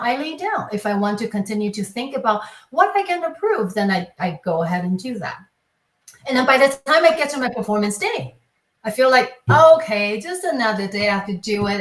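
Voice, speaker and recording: A classical pianist and teacher with a Taiwanese accent speaks reflectively as a guest in an online video discussion, explaining things with repeated words and phrases. Her voice is mid-range and fairly bright, and echoey room sound surrounds it.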